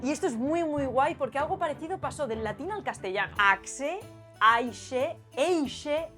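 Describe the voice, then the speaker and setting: A woman's voice: sits high, fast talker. Playful Spanish woman explaining language. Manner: lively, playful, rhetorical questions. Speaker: linguistics video host. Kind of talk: scripted educational explainer. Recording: light background music.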